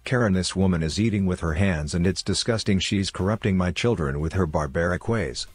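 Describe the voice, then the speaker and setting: A man voicing a rude, entitled woman diner in a complaining manner, read in his own deep voice. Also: brisk, breathy edge, no echo, soft background music. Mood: indignant.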